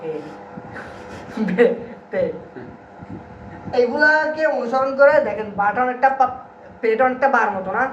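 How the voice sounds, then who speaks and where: A man's voice: very high-pitched, a little fast, a bit bright. A male teacher leads a lesson, constantly checking whether his students follow. He sounds set back from the mic in a roomy classroom. The recording is dull, with a faint hiss underneath. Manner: keeps quizzing students, call-and-response drilling. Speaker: Urdu grammar teacher. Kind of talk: classroom lecture. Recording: roomy, distant, dull and slightly noisy.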